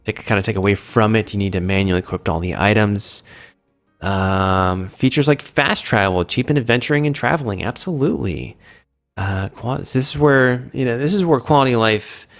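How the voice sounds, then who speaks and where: A man's voice: lowish voice, normal speed, soft background music. A man with a cold hosting a casual gaming chat, rambling and poking fun at himself as he loses his train of thought. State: sick with a cold. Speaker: gaming show host.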